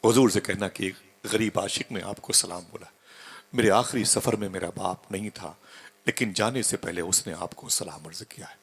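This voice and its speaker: A man's voice: low-pitched, normal speed, husky. A preacher voicing a resolute grieving father.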